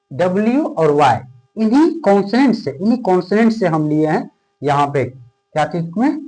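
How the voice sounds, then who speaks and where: A man teaching a classroom lesson in speech who asks questions and answers them himself, repeating key terms and drawing words out slowly as he writes. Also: a little high, mellow, rough recording. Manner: stretches words out slowly while writing.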